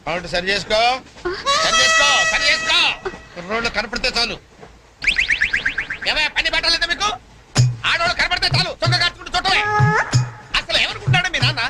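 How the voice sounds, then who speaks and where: An actor playing a boastful husband who scolds his wife without pause in a comedy film scene. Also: lively intonation. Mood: ranting. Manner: shrill, frantic, scolding nonstop. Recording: film scene under loud music.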